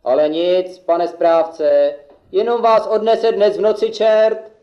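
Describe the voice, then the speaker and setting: A man's voice: high-pitched, fairly even intonation, close to an everyday voice. Man as blunt peasant fellow, roomy sound. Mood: frank, firm. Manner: blunt, folksy. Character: Jíra, plain-spoken, defiant peasant fellow. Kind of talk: puppet theatre play. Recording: dull, roomy recording.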